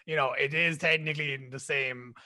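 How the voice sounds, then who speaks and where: A man's voice: fairly high pitch, steady tone, a little fast, sharp tone. A man from Ireland, chatting in a laid-back way with easy asides. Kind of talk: casual chat.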